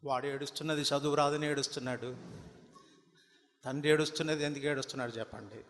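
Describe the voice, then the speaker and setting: A man's voice: mid-range voice, steady tone, fast, a bit bright. A man preaching a sermon, telling a story and firing rhetorical questions at the congregation, building to impassioned appeals. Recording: long reverb of a large hall.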